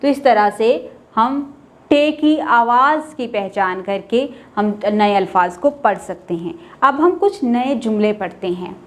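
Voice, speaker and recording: A woman teaching children the alphabet, repeating words in a slow, coaxing way. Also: fairly high pitch, lively intonation. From Pakistan.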